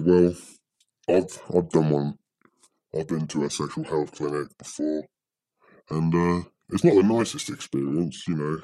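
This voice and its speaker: A man's voice dropped by a pitch-shifting disguise, sitting extremely low. The tone is dark and mellow, and the sound is dry and close. He rambles hesitantly, filling gaps with casual asides. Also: dry recording. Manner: hesitant, rambling, full of "you know". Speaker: anonymous podcast guest. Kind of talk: casual chat.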